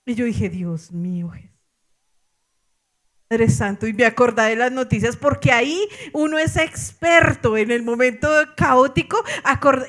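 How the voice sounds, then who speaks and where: Telling a story in her sermon, a middle-aged Colombian-accented pastor speaks with a fairly high pitch. She's lively throughout, laughing and exclaiming as she goes.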